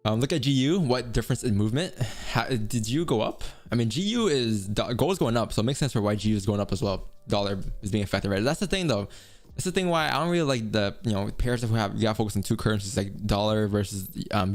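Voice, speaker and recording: A chatty man hosts a live trading stream, thinking out loud and laughing easily. His voice sits a bit low and has an easygoing, casual flow. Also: expressive, fast, faint music behind. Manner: chatty, laughs often, thinks aloud with restarts. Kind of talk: casual live-stream chat and market commentary.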